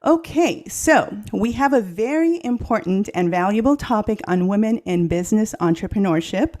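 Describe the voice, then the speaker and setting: A woman's voice: fairly high pitch, darkish tone. A woman hosting a podcast, giving an upbeat, welcoming scripted opening. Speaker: podcast host.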